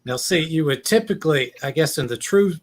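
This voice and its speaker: A man's voice: on the high side, lively intonation, a little fast, a little hiss or hum. A man co-hosting a live stream, adding musing, hesitant asides in casual chat. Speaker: co-host.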